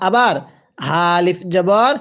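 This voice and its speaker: Slow, drilling woman teacher. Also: lowish voice, fairly bright tone. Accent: Bangladeshi Bengali. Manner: slow, deliberate call-and-repeat drilling. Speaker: Quran reading teacher. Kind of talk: slow drilled recitation lesson.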